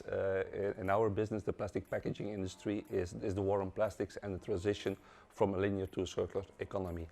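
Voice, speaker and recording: A man's voice: on the low side, warm tone. A man, head of innovation at a company, explaining steadily to the camera.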